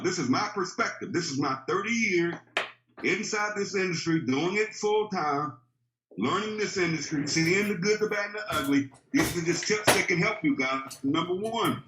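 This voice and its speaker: A man's voice: a little high, a bit bright. A man in his fifties giving a motivational sales-training talk, emphatic and preachy, firing off rhetorical questions. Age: 50s. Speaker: network marketing trainer. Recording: roomy, slightly dull recording.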